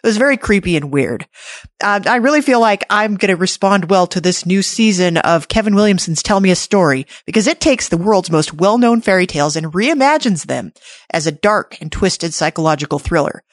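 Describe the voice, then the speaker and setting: A woman's voice: fairly low pitch, expressive, fairly quick, no room sound. Woman podcast host, playful, chatty, dry close mic. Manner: chatty, playful, many restarts. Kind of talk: casual recap chat.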